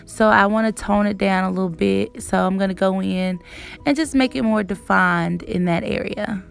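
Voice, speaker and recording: A woman's voice: medium pitch, moderate pace, gravelly, soft background music. A young woman giving a casual makeup tutorial narration in a chatty way, repeating words for emphasis. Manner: chatty, emphatic word repetition. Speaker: beauty vlogger.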